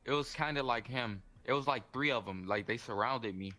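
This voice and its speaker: A man tells a scary story in a soft, laid-back and slangy way. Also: medium pitch, moderate pace. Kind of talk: casual spoken story.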